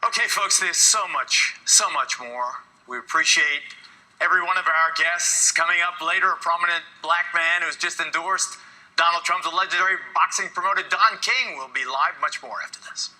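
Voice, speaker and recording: Bright-voiced male talk show host. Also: fairly high pitch, normal speed, low-quality recording. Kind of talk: broadcast interview.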